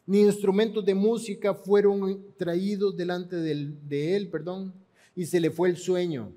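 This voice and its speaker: Panamanian preacher guy, slow and dramatic, tons of rhetorical questions. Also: high voice, steady tone, dark tone. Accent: Panamanian Spanish. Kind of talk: sermon.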